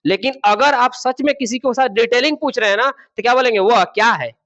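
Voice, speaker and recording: A man's voice: very high voice, fairly quick, sharp tone. Male teacher, quizzes the class, repeats key words, dull lo-fi sound. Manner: addresses students as babu and beta. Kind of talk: classroom grammar lesson.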